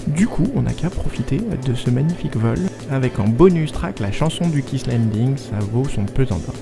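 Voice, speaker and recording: A man's voice: mid-range voice, lively intonation, normal speed, creaky. A man who is a student pilot, giving a casual, self-deprecating explanatory voice-over. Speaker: student pilot narrating own flight video. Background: music.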